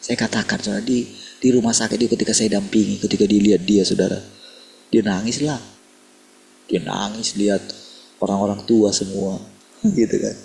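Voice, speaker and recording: Middle aged preacher guy, super gravelly creaky voice, lowish, keeps asking the congregation questions. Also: fairly even intonation, normal speed, long pauses, darkish tone, a little hiss or hum, low-quality recording. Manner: rhetorical questions, addresses listeners as brothers and sisters. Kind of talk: sermon.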